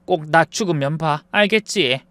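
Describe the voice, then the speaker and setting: A man voicing a dying old rich lady, soft and remorseful. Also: fairly high pitch, unhurried, no echo. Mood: urgent, tender. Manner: soft, weary, apologetic speech. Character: dying elderly wealthy woman, gentle and remorseful.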